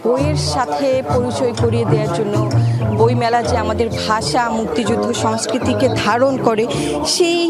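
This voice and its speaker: A woman's voice: on the high side, normal speed, loud music behind the voice. A woman with a Bangladeshi accent giving a live, unscripted field news report in hesitant, repetitive phrases. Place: outdoor book fair.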